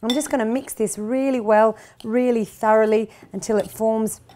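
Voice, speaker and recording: A woman's voice: a little high, steady tone, normal speed, mellow. A middle-aged woman hosting a cooking show, chatting encouragingly as she demonstrates a recipe in a kitchen. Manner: chatty, encouraging, talks while working. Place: home kitchen studio, indoors.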